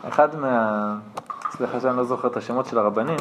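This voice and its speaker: A man, a rabbi, giving a storytelling lesson to an audience and acting out the people in his tales with lively changes of voice. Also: medium pitch, noisy background.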